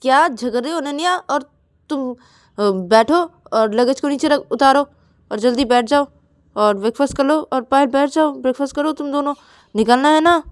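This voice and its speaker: A woman's voice: high-pitched, no echo, clean studio sound, pitched above the performer's own voice, close to an everyday voice. A woman doing a fussing mother. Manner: fussing, hurried. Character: middle-aged mother, fussing and caring.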